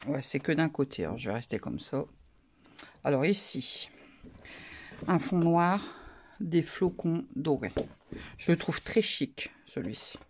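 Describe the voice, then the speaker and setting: Slow, gravelly-voiced woman murmuring craft commentary. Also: sits low. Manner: soft-spoken, murmuring asides, drifting into whispers. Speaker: craft vlogger. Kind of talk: casual haul commentary.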